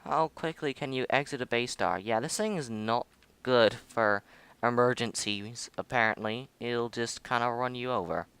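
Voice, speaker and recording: A young man narrates his space game session in a loose, rambling way, humming tunes and poking fun at himself. His voice is clear and smooth at an ordinary middle pitch. The recording is dry, with no room echo. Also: moderate pace, a bit bright. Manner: rambling, self-mocking, hums and mutters to himself. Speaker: gameplay video host. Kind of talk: casual game commentary.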